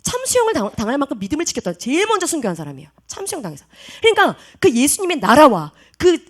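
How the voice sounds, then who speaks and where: A woman youth pastor preaching a sermon to students, animated, asking questions and calling on them by name. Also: high-pitched, racing.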